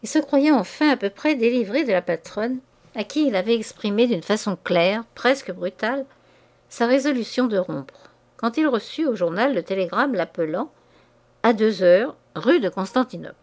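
A woman's voice: fairly high pitch, animated, moderate pace. Woman narrating a classic novel. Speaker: audiobook narrator. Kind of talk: reading a classic novel aloud.

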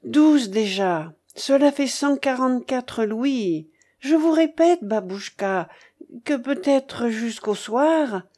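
Role: deferential young male companion in an audiobook, read by a woman, slow and mellow. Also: fairly high pitch, animated, voice pushed up. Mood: cautious. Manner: measured, deferential. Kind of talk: audiobook character voice.

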